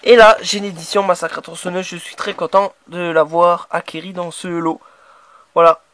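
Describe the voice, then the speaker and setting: A man's voice: sits high, flat delivery, moderate pace, a bit bright. A man with a French accent chatting casually about horror DVDs he bought, stumbling over words and sounding enthusiastic. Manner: hesitant, many restarts and fillers, enthusiastic. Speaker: horror DVD collector showing his purchases. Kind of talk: casual unboxing chat.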